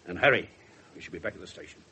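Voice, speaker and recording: An actor playing a cynical, slovenly middle-aged police inspector with a British accent, offhand and sardonic, in a 1970s radio drama. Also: male voice, deep voice, lively intonation, very fast, gravelly, bright, forceful tone, exaggerated voice. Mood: wry, dismissive. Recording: slightly noisy 1970s radio recording.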